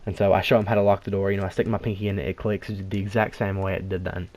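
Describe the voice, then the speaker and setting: A man narrates a storytime video at a rapid clip, his voice sitting a bit low. He rambles with lots of asides and "you know" fillers and throws in dry jokes as he goes. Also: level tone, a little mellow.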